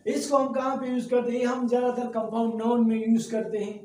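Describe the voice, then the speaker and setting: A male teacher with a fairly high, mellow voice walks through a grammar lesson one step at a time, regularly checking in with his listeners. He sits back from the microphone in an echoey room, with a faint hiss underneath. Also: level tone, fairly quick. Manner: explains step by step, often checking in with "okay". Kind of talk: classroom-style grammar lesson. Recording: echoey room, distant mic, faint noise.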